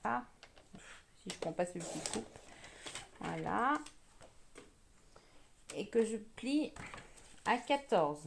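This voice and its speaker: A woman with an English accent, native English speaker, giving a relaxed card-making tutorial and chatting as she works. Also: mid-range voice, creaky, background noise. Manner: chatty, slow, talks while working with hands. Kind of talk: crafting tutorial.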